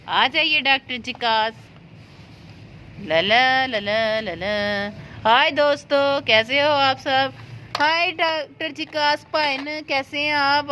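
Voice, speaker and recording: A woman's voice: high-pitched, pushed and bright, a little hiss or hum. A woman narrating and playing out a doll story in a cheerful, exclamatory way. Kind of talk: playful doll play storytelling.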